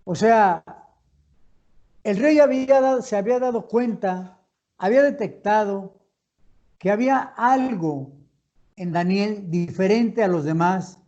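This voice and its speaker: A man leading a youth Bible study, reading verses aloud and then rephrasing them in measured explanations, on a dull lo-fi recording. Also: high-pitched, dark tone.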